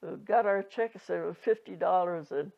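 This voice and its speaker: A very old woman in her nineties reminiscing casually, halting and rambling, with a creaky aged voice. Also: on the low side. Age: 90s. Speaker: interviewee. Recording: dull lo-fi home recording.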